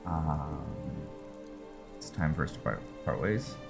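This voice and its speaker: A male gamer narrates a roleplay let's play in a low, gravelly, unhurried voice, offering casual commentary on his gameplay. He sounds relaxed, musing aloud with frequent ums. Game music and rain sounds play behind him.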